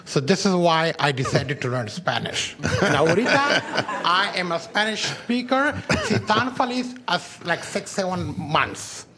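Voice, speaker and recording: A man's voice: sits high, lively intonation, a little slow, few pauses, crowd noise. A man from Afghanistan, giving earnest, upbeat remarks to a commission at a podium microphone in a public meeting chamber. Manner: earnest and upbeat, with self-corrections and translated asides. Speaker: parent program graduate addressing a commission. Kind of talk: public remarks in mixed Spanish and English.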